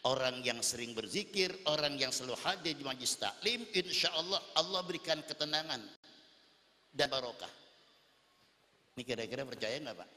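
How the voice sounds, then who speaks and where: A man's voice: medium pitch, lively intonation, normal speed, bright, forceful tone. A man preaching a sermon at a religious gathering, teasing the crowd with questions. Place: large hall at a religious gathering. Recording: echoey hall.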